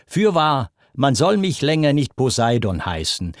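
A man's voice: mid-range voice, big pitch swings, measured pace, no echo, clean studio sound. A man voicing a proud, jealous male sea god in a spoken verse epic, blustering and indignant.

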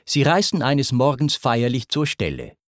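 A man reciting epic verse as narrator, with a measured, deliberate delivery. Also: mid-range voice, very animated, no room sound, studio quality.

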